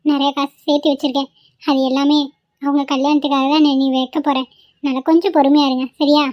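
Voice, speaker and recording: A high-voiced young wife, voiced by a woman in a homemade cartoon, earnest and set on keeping her word. The recording is dull and dry, with no room sound around the voice. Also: little pitch movement, fast talker, no room sound, close to an everyday voice. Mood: firm. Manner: pleading, earnest. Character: young wife, tearful yet stubborn. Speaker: voice actor. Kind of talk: amateur cartoon voice acting.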